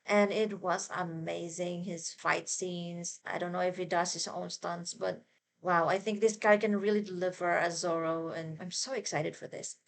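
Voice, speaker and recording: A woman with a slightly low voice talks casually to her viewers as a fan. She rambles informally and tells her stories expressively. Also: steady tone, normal speed, vocal fry. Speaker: fan reaction vlogger.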